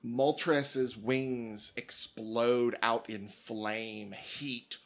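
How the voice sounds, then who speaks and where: A man narrating as game master of a tabletop role-playing game, in a slow, measured way. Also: medium pitch, steady tone.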